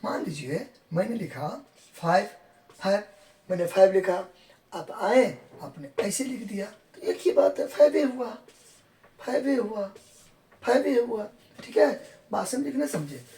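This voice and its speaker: A maths teacher with a mid-range, expressive, mellow voice explains a lesson step by step, a little slowly, repeating each point and checking that students follow. He speaks Hindi but counts numbers out in English, sounding far off in an echoey room.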